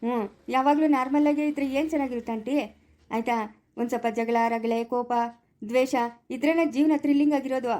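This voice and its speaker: A cheerful, confident young man heading off to his studies, played by a woman with a Chikkaballapura rural Kannada accent. The voice sits high and moves fast, breezy and teasing, always reassuring. It comes from a homemade family drama. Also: fairly even intonation, darkish tone, close to an everyday voice.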